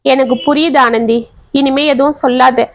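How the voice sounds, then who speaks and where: A woman's voice: high voice, fairly even intonation, moderate pace. A woman voicing a heartbroken young wealthy man pleading tenderly in a family storybook tale. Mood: gentle.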